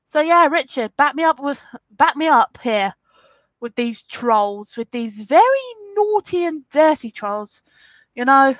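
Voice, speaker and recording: An expressive, unhurried, high-pitched woman's voice, a bit bright, with no room sound. She's an Englishwoman in her twenties with an Essex accent and a cold that makes her sniffle, hosting a live-stream Q&A where she rambles through comments and gives trolls frank, defiant replies.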